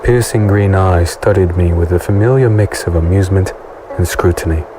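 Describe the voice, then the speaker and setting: Lightly acted and low-pitched, this man's voice moves at a moderate pace against a noisy background with music underneath. He voices a teasing, easygoing swordsman hero in an audio drama, mixing dialogue and first-person narration with a wry, relaxed, chatty air.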